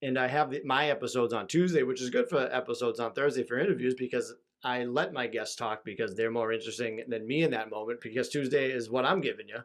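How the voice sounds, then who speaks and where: A young man hosting a podcast interview, relaxed and conversational, recording in a small closet. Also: medium pitch, fast, hardly any pauses. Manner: relaxed, conversational, frequent fillers. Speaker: podcast host. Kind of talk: casual interview chat.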